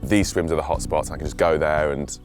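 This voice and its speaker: A man's voice: extremely low pitch, fairly even intonation, fast talker, music in the background. A young man who grew up in Switzerland, talking casually and enthusiastically as an angler, rambling with restarts. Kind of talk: casual outdoor chat and voice-over.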